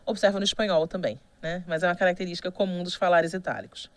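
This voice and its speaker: A woman's voice: on the low side, fast, dry recording. A Brazilian woman with a Brazilian Portuguese accent giving a university lecture, explaining patiently and checking in with "né?" as she goes. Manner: explanatory, with frequent "né?" checks and restarts. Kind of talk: recorded online lecture.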